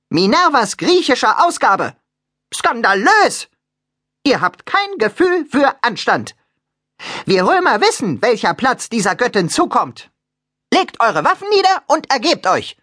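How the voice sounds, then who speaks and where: A man's voice: very high-pitched, big pitch swings, slow pace, bright, forceful tone, dry recording, clean studio sound, pitched above the performer's own voice, heavily acted. A man voicing a pompous, indignant male Roman god in statue form in an audiobook, scolding in haughty, clipped outbursts. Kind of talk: audiobook character voice.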